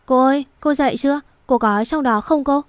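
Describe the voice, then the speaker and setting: Casting a woman doing a meek young servant girl, high, dry voice, pleading and anxious. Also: a little fast, dry recording, natural voice. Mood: panicked. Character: timid devoted young female servant girl.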